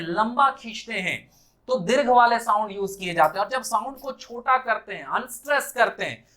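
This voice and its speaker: A man with a Bihari Hindi accent teaching spoken English in a classroom lesson. He explains patiently, stretches words out to show their sounds, and slips into slow English phrases. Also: sits high, bright, forceful tone.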